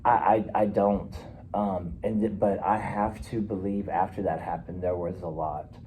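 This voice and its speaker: A man playing a troubled fifty-one-year-old client sent by the court in a counseling role-play, talking in a hesitant, halting, earnest way. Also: low voice, fairly even intonation, dark tone, slight background noise, close to an everyday voice, poor audio. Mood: subdued.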